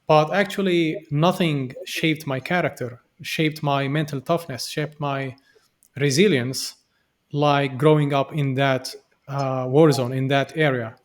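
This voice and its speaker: A young Syrian software developer appears as a podcast guest in a conversational interview, speaking earnestly and reflectively with frequent fillers and restarts. His mid-range voice keeps a steady tone at a measured pace.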